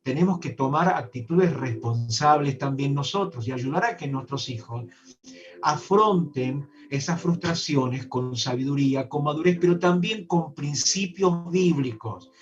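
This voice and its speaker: A man's voice: a little high, measured pace, over music. A man preaching a sermon as a bishop, earnest and speaking straight to his listeners. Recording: distant, dull online-meeting audio.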